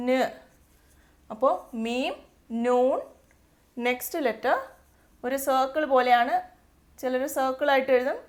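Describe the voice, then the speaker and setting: Malayali lady tutor, bit high voice, repeats each letter slow and patient. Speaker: Arabic tutor. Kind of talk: step-by-step alphabet lesson.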